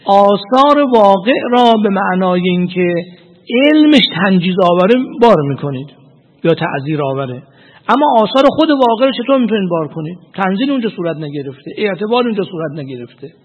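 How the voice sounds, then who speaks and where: A man teaching jurisprudence in a lecture, arguing deliberately and putting questions to his students. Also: high voice, animated, breathy edge. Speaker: seminary teacher of Islamic jurisprudence. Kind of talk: lecture on legal theory. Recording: tinny phone-like sound with long reverb.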